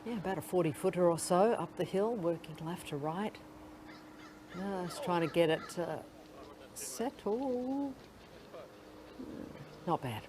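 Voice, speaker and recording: A man working as a golf commentator, giving understated, measured live commentary between shots. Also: high-pitched, animated, noisy background.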